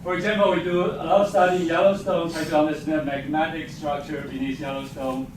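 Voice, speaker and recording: Quick and flat, a higher-pitched male voice belongs to a geophysics professor born in Taiwan, chatting informally to faculty in English inside a lecture hall. He uses non-native grammar, often chuckles, and is self-deprecating. A far-off mic leaves the recording noisy and heavily echoed.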